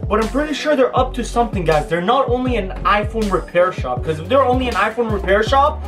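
This dramatic young male YouTuber vlogs over loud background music with a high voice, lively intonation, and a quick pace. He gasps and keeps saying "guys" in his excited narration, first outdoors at night and then inside a room.

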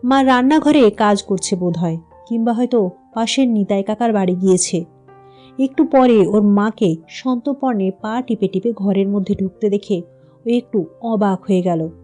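A woman narrating a classic short story in a calm, even reading voice. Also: medium pitch, moderate pace, soft background music.

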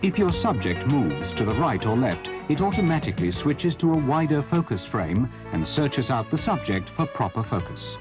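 A man reading a scripted product voice-over in a smooth, measured manner, heard from an old VHS tape. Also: medium pitch, sing-song. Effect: old VHS tape audio. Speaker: promotional narrator. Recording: voice-over over loud music. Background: loud backing music.

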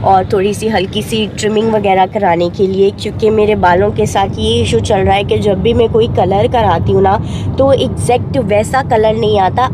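A young woman from Pakistan chatting casually to a phone camera held at arm's length, telling her story in a car and at a salon. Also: medium pitch. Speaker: vlogger. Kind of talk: casual vlog chat to camera. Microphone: handheld phone camera at arm's length. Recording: noisy street and car background.

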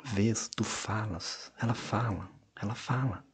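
A man voicing an anxious, loving father of a mute girl in an audiobook story, speaking in a soft, pleading way. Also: lowish voice, slow pace, husky, full character voice. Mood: overjoyed.

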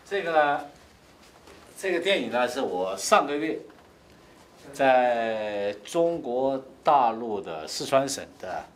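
A man, a film director, giving halting, informal remarks at an exhibition, with frequent fillers and pauses. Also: medium pitch, sing-song, a little hiss or hum. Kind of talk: casual on-site remarks. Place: large indoor exhibition hall. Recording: echoey hall from far off.

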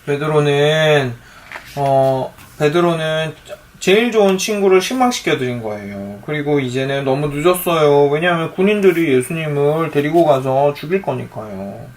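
A man's voice: fairly high pitch, animated, moderate pace, a little hiss or hum. A father reading a picture book aloud to his young child, patiently asking her questions as he reads.

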